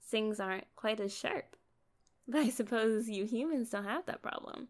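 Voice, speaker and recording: A young woman voices a kind, curious, but wary mermaid in a chatty ASMR roleplay, pausing hesitantly as she talks. Her voice sits a little high with light acting, and her mood comes across as shy and fond.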